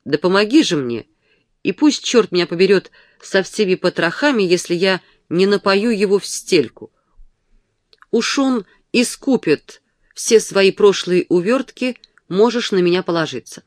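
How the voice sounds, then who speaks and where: In an audiobook, a rough drunken gentleman, put on by the reader, bellows and curses at everyone around him. The voice is bullying and coarse, recorded dry and close. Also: medium pitch, lively intonation, a little slow, no room sound, close to an everyday voice. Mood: demanding.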